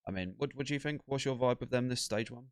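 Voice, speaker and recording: A man's voice: medium pitch, quick pace, smooth, dry recording, clean studio sound. A man hosting a casual podcast, chatting loosely with rambling asides. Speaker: podcast host.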